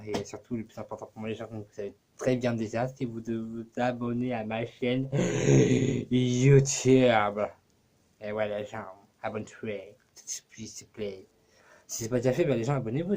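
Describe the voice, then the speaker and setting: A man records casual, rambling talk for his own YouTube channel, cursing and using plenty of fillers. His voice is medium in pitch and a bit mellow, with slight noise in the background.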